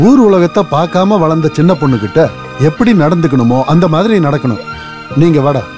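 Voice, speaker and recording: An actor playing a placating brother-in-law. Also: male voice, on the high side, lively intonation, brisk, over music, close to an everyday voice. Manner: placating, reasoning. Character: mediating male relative, brother-in-law.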